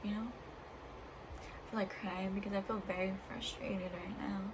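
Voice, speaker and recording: A woman speaking as a vlogger in a reflective personal monologue, earnest and halting, pausing between short phrases. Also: mid-range voice, little pitch movement. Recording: clear background noise.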